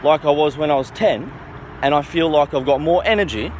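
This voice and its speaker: His voice on the high side and a little fast, a self-proclaimed health and philosophy educator aged 29, soon thirty, delivers an informal opinion piece with slight background noise. He's emphatic, self-assured and repetitive, often asking "okay?" and "right?"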